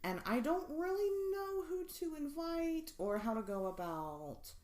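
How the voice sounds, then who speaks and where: High-pitched and very animated, this late-twenties woman speaks at a measured pace with a darkish tone and a roomy sound. Co-hosting a podcast, she chats casually and rambles, filling gaps with lots of fillers and laughing often.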